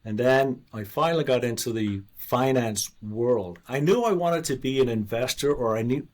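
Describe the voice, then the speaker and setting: The interview guest, a Canadian former investor and author in his sixties, speaks at a moderate pace in a mid-range voice. He's candid and earnest recounting his story, with restarts and the occasional self-deprecating laugh.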